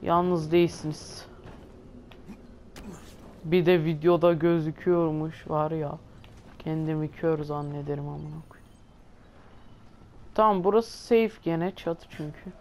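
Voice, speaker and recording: A woman's voice: low voice, steady tone, a little slow, long pauses, a little mellow, a little hiss or hum. A woman doing gameplay commentary for her channel, swearing constantly and griping to her viewers. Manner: swears a lot, grumbling and exasperated; talks straight to viewers. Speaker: gaming video host.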